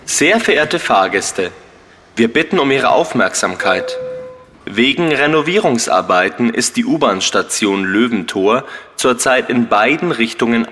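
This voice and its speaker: A man's voice: mid-range voice, a bit bright, long reverb tail. A man as subway announcer over the PA. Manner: formal, measured delivery. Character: male subway station announcer, formal and measured. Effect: station PA announcement. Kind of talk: scripted exam listening announcement.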